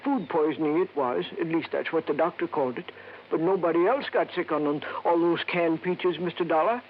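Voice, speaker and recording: On a dull, noisy old radio recording, an actor voices an elderly, folksy American man in a wheelchair, wizened and insistent, his phrasing clipped and halting and his mood grave and troubled. The delivery is on the high side, fairly quick, and lightly acted, in the manner of 1950s radio drama.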